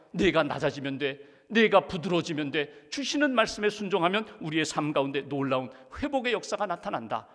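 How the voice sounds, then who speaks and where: A male pastor delivering a sermon, emphatic, with sharp swings between loud and quiet passages. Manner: emphatic preaching, rising and falling sharply in pitch and volume. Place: large church sanctuary. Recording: long church hall reverb.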